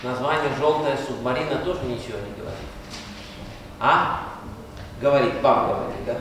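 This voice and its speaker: A man's voice: medium pitch, moderate pace. An older man lecturing medical students at a university in a wry, conversational way, often putting rhetorical questions to them. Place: large lecture room, recorded from far off. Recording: very echoey hall, distant mic, loud noise.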